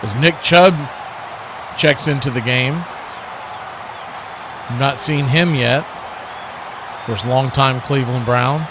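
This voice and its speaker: Speaking at medium pitch, he takes it slowly, with long pauses, over a noisy background. As a play-by-play commentator and watch party host, the man narrates live American football radio-style, favouring brief punchy lines and colourful action verbs.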